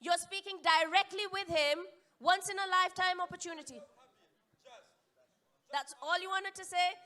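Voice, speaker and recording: A woman taking questions from a theatre audience with a handheld mic, brisk and directive. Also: extremely high pitch, steady tone, bright, forceful tone. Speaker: roving microphone presenter. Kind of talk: live audience hosting. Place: large theatre stage.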